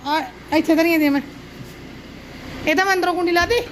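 High female voice, Punjabi accent, dramatic exclamatory auntie, middle-aged, casual vlog talk, noisy handheld recording. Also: steady tone, quick pace. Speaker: vlogger. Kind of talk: casual family vlog chat.

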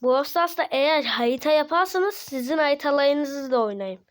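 A woman hosting a gaming channel, giving excited gameplay commentary, slangy and playful as she cheers on and taunts her teammates. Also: high-pitched, moderate pace.

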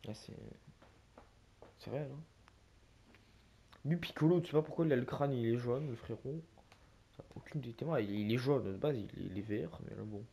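Young man, French accent, casual gaming commentary, slangy and rambling, mellow warm tone. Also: mid-range voice, normal speed, vocal fry, long pauses, slightly rough. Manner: slangy, loose and rambling, talks to viewers as mates. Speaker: gaming YouTuber.

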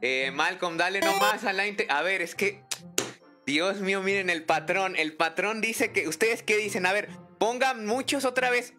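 A man streaming a game live, chatty and excitable, thinking aloud and greeting viewers in the chat by name. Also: sits high, moderate pace, soft background music. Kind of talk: casual live-stream chat while gaming.

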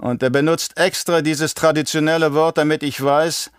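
A man's voice: on the high side, fairly even intonation, moderate pace, clear, resonant tone, no echo, studio quality, faint music behind, voice pushed up, lightly acted. A man reading an audiobook and voicing a scheming, menacing baron who growls commands in a cold voice. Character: scheming, menacing middle-aged male baron.

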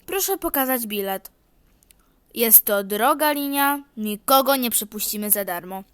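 A woman's voice: a little high, lively intonation, measured pace, fairly bright tone, clean tone, no echo. A woman voicing a stern, officious male train ticket inspector. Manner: officious, insistent.

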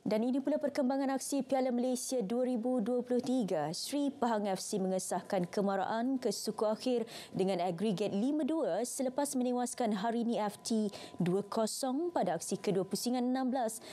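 A young woman presenting sports news in a TV studio, reading a script in a steady, formal newsreader delivery. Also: fairly high pitch. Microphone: studio mic, seated at desk.

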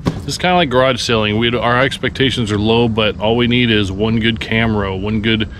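A man's voice: on the low side, steady tone, fairly quick. A man from Nebraska casually chatting outdoors while sorting through a storage unit. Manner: chatty, upbeat, calls out finds. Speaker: reseller vlogger. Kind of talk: casual chat while unboxing. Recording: loud outdoor noise.

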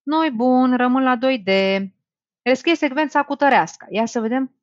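A woman's voice: sits high, no echo, muffled recording. A woman teaching an exam-prep language lesson, talking straight to her students and thinking aloud as she works through answers. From Romania. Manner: lively, talks to students directly, thinks aloud.

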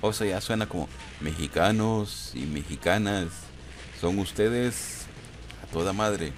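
Clear background noise runs under this casual gameplay-footage chat. The speaker is a Guatemalan YouTuber with a deep, unhurried voice who answers viewer questions informally and hesitantly, using slang and repeating himself.

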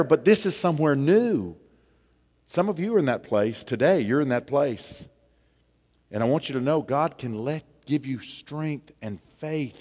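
Man in his forties, pastor preaching, animated and expressive, church hall reverb. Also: on the high side. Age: 40s. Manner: animated, gestures widely, drops to a hush for emphasis. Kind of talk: sermon. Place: large church stage.

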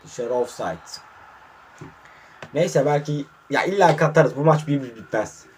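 A man commentating his own mobile football match, muttering in frustration and breaking into sudden excited outbursts, hot and sweating in a warm room. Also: medium pitch, measured pace, slight background noise. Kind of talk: casual live gameplay commentary.

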